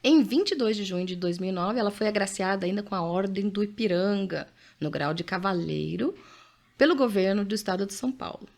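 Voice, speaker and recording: A woman's voice: medium pitch, lively intonation, fairly quick, vocal fry, a little mellow. A middle-aged woman with a Brazilian accent hosting a podcast, chatting casually and reading out facts with her own asides. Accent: Brazilian Portuguese. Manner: chatty, often adds "né?", reads out facts with asides. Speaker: podcast host. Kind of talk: casual conversational podcast chat.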